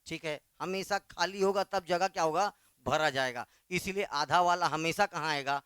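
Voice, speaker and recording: A man's voice: fairly high pitch, a bit bright, clear, resonant tone, no echo, studio quality. A male Hindi tutor with a Chhattisgarhi Hindi accent, teaching a class and drilling students with questions that he answers himself. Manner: quizzing questions then answering them; slow, emphatic spelling out of letters. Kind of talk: classroom lesson.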